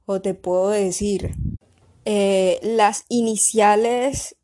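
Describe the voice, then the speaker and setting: A young woman with a Colombian Caribbean coastal accent, chatting casually and explaining things in a lively, colloquial way. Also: mid-range voice, drawn-out words. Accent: Colombian Caribbean (costeño). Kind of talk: casual chat.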